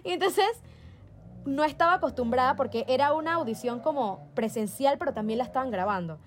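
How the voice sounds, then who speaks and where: A young woman from Panama telling stories in a casual chat, animated and laughing, acting out what others said. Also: high voice, fast. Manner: animated storyteller, acts out quoted voices, laughs often.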